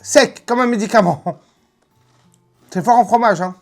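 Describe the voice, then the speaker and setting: A woman's voice: fairly high pitch, a little slow. A woman giving casual, chatty and emphatic tasting commentary in colloquial speech. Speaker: host of food tasting video. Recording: music playing behind.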